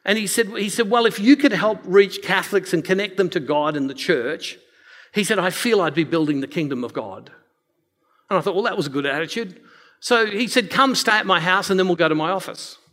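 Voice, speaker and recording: A man's voice: high voice, brisk. A man from Western Australia with an Australian accent, telling a story to a live audience and acting out the dialogue. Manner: animated, acts out dialogue with a hushed voice for God. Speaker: speaker. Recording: long hall reverb.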